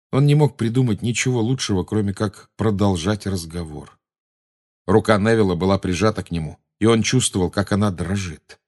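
A man reading a fantasy novel aloud in steady, measured dramatic audiobook narration. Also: fairly low pitch.

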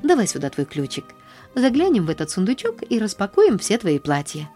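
A woman reading a storybook aloud, voicing a warm-hearted young housemaid with a homely, coaxing, plain-spoken manner. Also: mid-range voice, wildly swooping pitch, fairly quick, faint music behind.

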